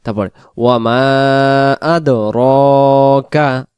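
A man leads a Quran recitation lesson in a very clear, crisp voice recorded close and dry. He talks through pronunciation points at a brisk clip, then slows right down to chant each verse aloud. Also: mid-range voice, no echo, dull audio. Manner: explains quickly, then chants verses slowly and loudly.

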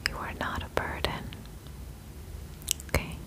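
A woman in her twenties whispering soothing ASMR affirmations as a pep talk, breathy and close to the mic, repeating short reassurances. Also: unhurried, low-quality recording. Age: 20s. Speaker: ASMR host. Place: indoor room at home.

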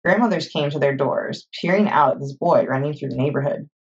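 Low, husky woman reading a storybook. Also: brisk. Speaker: children's librarian reading a chapter book. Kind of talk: read-aloud storytime narration. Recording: dull lo-fi recording.

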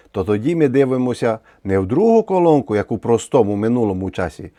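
Male teacher, Ukrainian accent, mellow tone, dry close sound, steady explainer. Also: on the low side, no room sound. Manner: patient, explains step by step with repeated examples. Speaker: English teacher. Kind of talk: grammar lesson explanation.

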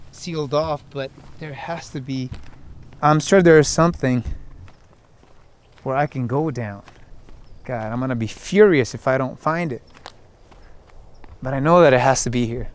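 Holding a camera at arm's length, a young man in his twenties explores an open hillside covered in brush, casually narrating his vlog and speaking straight to viewers as he thinks aloud. He has a mid-range voice, talks a little slowly and leaves long pauses.

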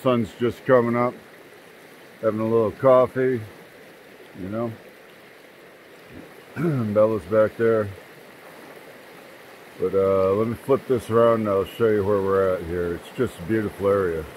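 Here a man in his sixties casually narrates a vlog at a mountain creekside campsite, speaking into a phone camera at arm's length in a folksy, rambling way. His voice sits on the low side, steady and a little mellow, unhurried with frequent pauses. The audio quality is poor, with faint noise from the flowing stream.

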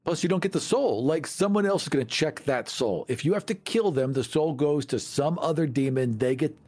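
This man's voice sits on the high side, with a darkish tone and a fairly quick pace. He co-hosts a podcast, making short, emphatic statements in a casual discussion about fantasy game monsters.

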